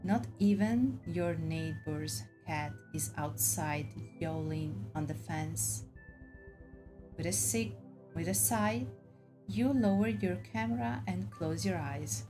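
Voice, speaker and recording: Unhurried, low-pitched woman narrating over music. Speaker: game player and narrator. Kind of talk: reading story game narration aloud. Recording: music bed under the voice. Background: clear background music.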